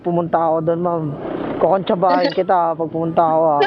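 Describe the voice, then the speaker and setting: Over tinny, narrow audio, a Filipino man working as a motorcycle taxi rider banters with his passenger through a helmet intercom outside. His voice is a little high and level in tone, his pace quick, with traffic and street sounds around him.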